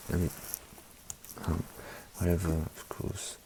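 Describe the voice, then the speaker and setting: In this very noisy recording, a man from South Africa speaks in a low, creaky voice with little pitch movement, his accent a mix of British influences. He reviews an album ASMR-style, half-whispering near the mic, unhurried and soft, tossing in wry asides.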